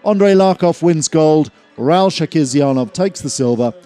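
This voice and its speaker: A man commentating on a cross-country ski race, measured and full of fillers, rising in energy near the finish. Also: fairly high pitch, expressive, mellow, soft background music. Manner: measured, hesitant with frequent fillers, builds at the finish. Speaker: sports commentator.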